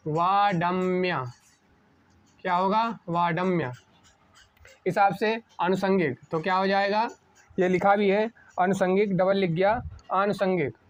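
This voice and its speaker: A man teaching an exam-prep spelling lesson at a board, asking a question and answering it himself, slowing down on each correct word. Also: high-pitched. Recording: dull lo-fi sound.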